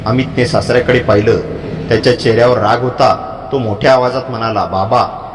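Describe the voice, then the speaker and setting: A man narrating a dramatic first-person story in a measured reading style, with a long hall reverb on the voice. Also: mid-range voice, fairly even intonation.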